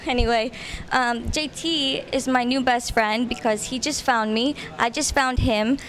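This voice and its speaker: A woman's voice: a little high, steady tone, unhurried, a bit bright. Bubbly young woman from the Caribbean. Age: young adult. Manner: bubbly and slightly nervous. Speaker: novice red-carpet host. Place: indoor event in front of a banner. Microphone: handheld.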